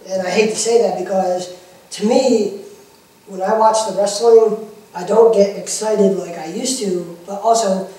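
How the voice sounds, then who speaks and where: A male wrestling manager talks at length in a relaxed interview, often repeating a phrase for emphasis. The sound is heavily echoing, with the voice some way from the microphone. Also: high voice, unhurried. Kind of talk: casual interview chat. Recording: echoey room, far from the mic.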